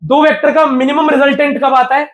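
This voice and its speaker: A man's voice: very high voice, level tone, a little fast, a bit bright. A man teaching a physics class live to students, talking casually and often throwing questions at the class. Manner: chatty, keeps quizzing the class.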